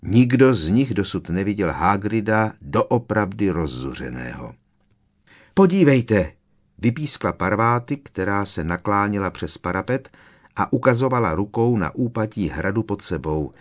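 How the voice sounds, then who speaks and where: Guy with a lowish voice reading an audiobook, steady and expressive. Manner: measured, expressive storytelling. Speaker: audiobook narrator. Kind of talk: scripted audiobook narration.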